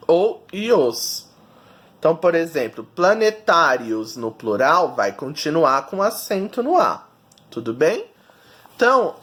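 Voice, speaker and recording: A man's voice: on the high side, a bit bright. A man, a teacher giving a recorded video lesson and patiently explaining each step to children.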